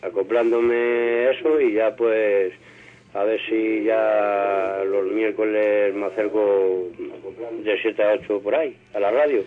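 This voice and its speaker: A man's voice: on the low side, fairly even intonation, slow. A man calling in to a radio show over the phone, chatting casually and hesitantly, with many fillers. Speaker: radio caller. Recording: tinny phone line with crowd noise behind.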